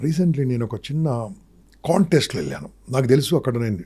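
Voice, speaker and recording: Fast, dark-voiced man. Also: medium pitch, very animated, breathy edge. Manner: emphatic, fires off rhetorical questions and lists. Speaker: public speaking trainer. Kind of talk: motivational interview talk.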